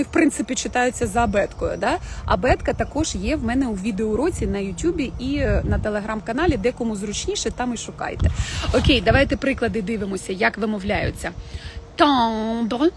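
A woman with a fairly high voice teaches French pronunciation live. She talks to her viewers directly and slows down to model each word. A faint hiss sits under the recording. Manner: chatty, addresses viewers directly, models French words slowly. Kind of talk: casual live-stream lesson. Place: home, in the evening.

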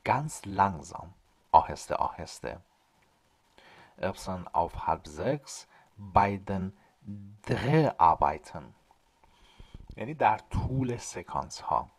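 Male language teacher with a low, lively voice; slow, careful German, brisk asides. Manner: reads German slowly and deliberately, explains quickly in casual Persian. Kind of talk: language lesson, reading German lines then explaining in Persian.

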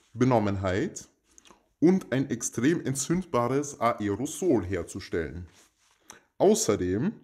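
A man makes a mock-formal giveaway announcement as host, speaking in a pompous, stilted and deadpan manner. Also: medium pitch. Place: indoors in a home.

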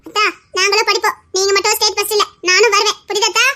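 Touchy teen girl, Tirunelveli accent, very high, bright voice, sarcastic, played by a woman. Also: little pitch movement, very fast. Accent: Tirunelveli Tamil. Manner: sharp, sarcastic retorts. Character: touchy, proud teenage girl.

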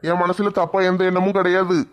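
A man's voice: high voice, monotone, fairly quick, close to an everyday voice. A man voicing a defiant young village man, evasive and argumentative. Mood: defensive. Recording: dull lo-fi recording.

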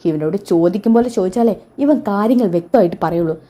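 A woman's voice: medium pitch, fast talker, warm tone, lightly acted. Scornful sister-in-law, as a woman reads her.

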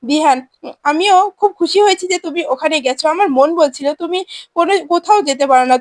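A woman's voice: sits high, dry recording, studio quality, lightly acted. A woman voicing a loving, worried mother in a retold TV serial, speaking tenderly and anxiously.

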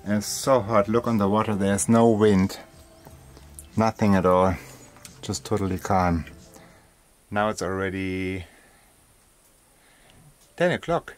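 A man's voice: lowish voice, measured pace, pauses often, soft background music. A man chatting casually to the camera as a travel vlogger, outdoors on a small island by the sea. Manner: relaxed, chatty, laughs often. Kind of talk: casual vlog narration.

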